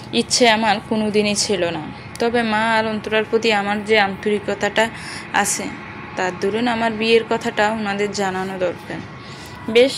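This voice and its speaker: A woman's voice: medium pitch, noisy background. A woman reading an audio story aloud, narrating and speaking every character's dialogue in one voice.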